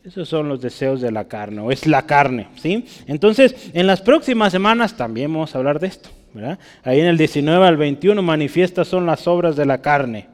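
A man's voice: fairly high pitch, expressive, moderate pace, few pauses. A man teaching a Bible lesson as a preacher, often checking with his listeners as he explains. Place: church. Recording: church hall with long reverb.

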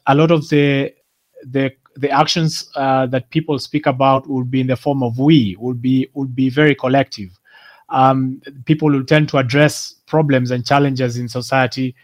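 A man from Kenya speaking reflectively, with many fillers and restarts. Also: mid-range voice. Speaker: guest speaker. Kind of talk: reflective talk.

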